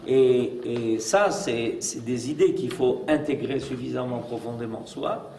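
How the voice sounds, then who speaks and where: A man's voice: medium pitch, a little slow, vocal fry, warm tone, slight background noise. A man as a rabbi giving a religious lesson, emphatic and full of rhetorical questions. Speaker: rabbi teaching a class. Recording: echoey room, mic far off.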